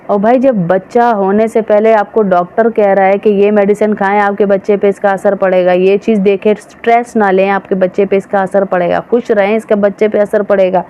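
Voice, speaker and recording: A woman's voice: medium pitch, warm tone, clean tone. A woman religious teacher preaching a sermon to women, emphatic and full of rhetorical questions. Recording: dull, slightly noisy recording.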